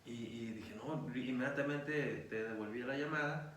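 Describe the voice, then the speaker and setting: Middle-aged preacher, echoey distant sound. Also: male voice, medium pitch, normal speed, fairly bright tone, a little hiss or hum. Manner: rambling retelling with many fillers. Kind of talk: storytelling in an interview. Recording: echoey room, distant mic, faint ambience.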